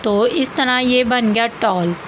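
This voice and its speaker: Slow, patient woman teacher with tinged speech. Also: on the high side, slight background noise. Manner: patient, repeats points, checks in with "theek hai". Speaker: English teacher. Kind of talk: slow classroom explanation of grammar.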